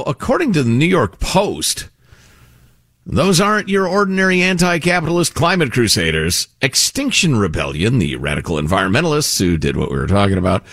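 A man's voice: fairly high pitch, a bit bright, dry recording, clean studio sound. A man hosting a talk show, giving opinionated, exasperated commentary with plenty of sarcasm.

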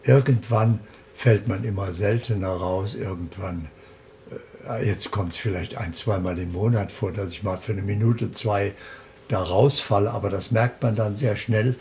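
A man with a gravelly edge to his voice talks in a slow, deliberate way, setting out his ideas as a list. There is a faint hiss behind him. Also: lowish voice, steady tone, a little mellow. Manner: slow, deliberate, explaining in lists. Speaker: interview guest. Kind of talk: calm spiritual interview talk.

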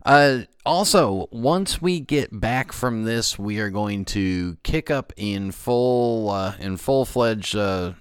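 A middle-aged American man with a fairly low, smooth voice hosts a casual podcast. He rambles easily and drops in dry, joking asides. The sound is close and dry. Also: animated, slow, few pauses, no echo. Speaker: podcast host. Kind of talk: casual radio-show talk.

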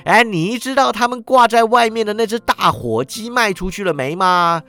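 A man's voice: sits high, normal speed, pushed and bright, no room sound, pitched above the performer's own voice. A man voicing a giddy, reformed old miser who exclaims breathlessly with delight in a storybook reading.

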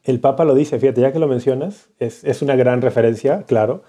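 A man with a very dark, mellow voice talks through a topic in relaxed podcast chat. He explains at length with a wry, teasing streak, at an ordinary pitch for a man. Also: brisk, husky. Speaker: podcast co-host. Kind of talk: casual conversational podcast.

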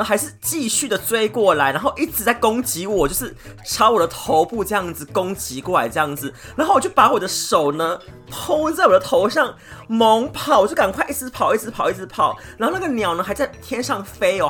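Chatty woman podcaster, lively pitch. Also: soft background music. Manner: chatty, many drawn-out filler particles, addresses listeners directly. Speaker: podcast host. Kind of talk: solo podcast chat.

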